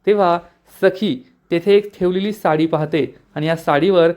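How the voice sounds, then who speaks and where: A man's voice: a little high, fairly even intonation, moderate pace, a little mellow. A man retelling a TV serial episode as a plain, storytelling narration. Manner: plain storytelling narration, reads out the characters' lines.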